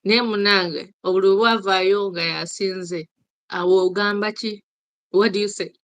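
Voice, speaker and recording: A woman's voice: medium pitch, fairly even intonation, measured pace, fairly bright tone. A Ugandan woman speaking as an interview guest, emphatic and insistent, repeating her points. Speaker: guest, activist. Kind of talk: interview, mixing English and Luganda.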